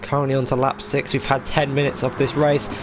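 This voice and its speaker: A man's voice: mid-range voice, monotone, fast, noisy background. A man giving live motorsport commentary on a sim race, hesitant and full of fillers as he follows each move.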